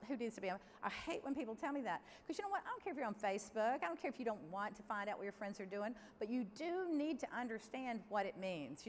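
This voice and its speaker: Middle-aged woman, keynote speaker, candid and lively, echoing big hall, faint room noise. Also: a little high. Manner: lively, candid, addresses the audience directly. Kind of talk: conference keynote speech. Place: large conference hall.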